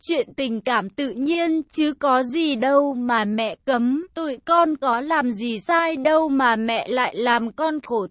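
A woman's voice: high voice, fairly bright tone, no echo. A woman voicing a teenage son who pleads and defends himself to his mother in a read-aloud story. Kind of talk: audio story reading.

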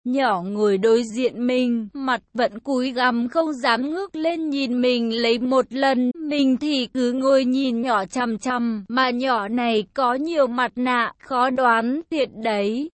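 A woman narrating a first-person story in a lively storytelling manner, as a schoolboy telling of his home life. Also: a little high, dry recording. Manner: slow, lively storytelling with acted quotes.

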